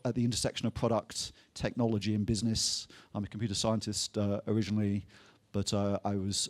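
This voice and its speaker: A man introduces himself on a conference panel in a low voice. He speaks in a flat, even monotone and often corrects himself mid-sentence. The sound is dry and close. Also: dry recording. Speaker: panelist, entrepreneur.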